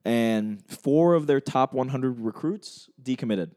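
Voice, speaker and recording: A young man co-hosting a podcast, chatting casually about sports in a relaxed way with plenty of fillers and restarts. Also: mid-range voice, measured pace. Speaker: podcast co-host.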